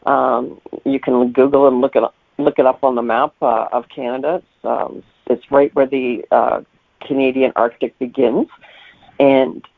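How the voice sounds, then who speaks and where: A guest novelist with a creaky, gravelly, medium-pitched voice is being interviewed, explaining things in a reflective, conversational way. The sound is dry with no echo, narrow like a telephone line.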